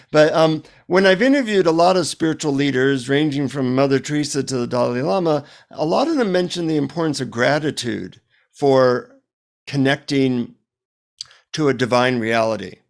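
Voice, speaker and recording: A man's voice: a little high, normal speed, vocal fry. A man, a psychotherapist and author, telling humorous stories in a casual interview. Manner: lively anecdotal storyteller, humorous asides.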